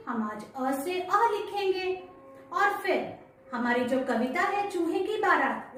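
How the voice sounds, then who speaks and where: A woman teaching a kindergarten Hindi class, sounding out letters and words slowly so children can repeat after her. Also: high-pitched. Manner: slow, drawn-out syllables, call-and-repeat drilling. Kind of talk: online lesson for young children.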